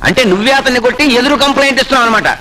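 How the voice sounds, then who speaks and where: An actor playing a blustering police officer who scolds and doubts a complainant in an indignant voice. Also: male voice, very high-pitched, racing, a crowd in the background, low-quality recording. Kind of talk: Telugu film comedy scene. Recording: film soundtrack with clear background noise.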